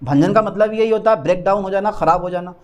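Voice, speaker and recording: A man with a high voice teaches a physics lecture, dictating notes phrase by phrase. He repeats key words over and over and keeps quizzing his students as he goes. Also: quick pace, muffled recording.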